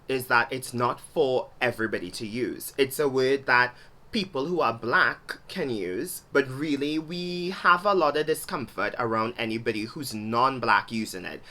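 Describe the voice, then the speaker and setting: Here a young man with a Trinidadian accent, from Trinidad and Tobago, vlogs solo to the camera, walking through his thoughts in a reflective, explanatory manner. His mid-range voice comes across pushed and bright.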